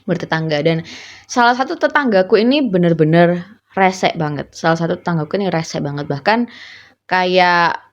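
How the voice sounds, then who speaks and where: Animated woman telling a story, muffled audio. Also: moderate pace. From East Java. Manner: animated, acts out quoted voices with big pitch leaps. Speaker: podcast co-host. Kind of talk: casual storytelling chat.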